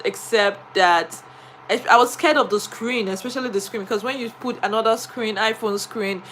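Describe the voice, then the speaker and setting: A woman's voice: medium pitch, a bit bright, slight background noise. A woman with a Nigerian accent, a teacher, chatting on a live stream and telling a story with many fillers. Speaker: vlogger and teacher.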